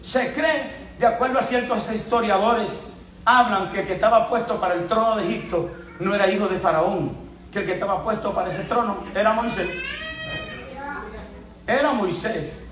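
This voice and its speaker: A man preaching a sermon as pastor, shouting and laughing in bursts between quieter storytelling. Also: high voice, moderate pace, slight background noise. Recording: echoey room from a distance.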